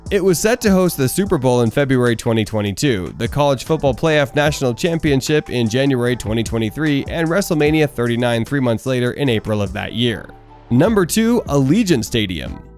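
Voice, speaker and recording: A man's voice: medium pitch, animated, a little fast, a little mellow. A man reading a scripted top ten countdown, lifting his voice on each new number and reading the facts evenly. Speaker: narrator of a top ten list channel. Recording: voice-over with faint background music.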